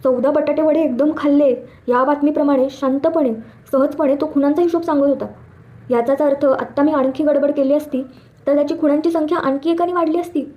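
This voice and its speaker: A woman's voice: sits high, fairly even intonation, brisk, highs cut off. A woman reading a humorous short story aloud, voicing the male narrator and the prisoners as she tells it.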